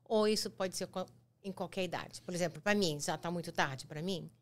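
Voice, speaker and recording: A woman's voice: lowish voice, normal speed. A woman from Brazil hosting a podcast, chatty and storytelling, slipping in English phrases. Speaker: podcast host. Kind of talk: podcast conversation.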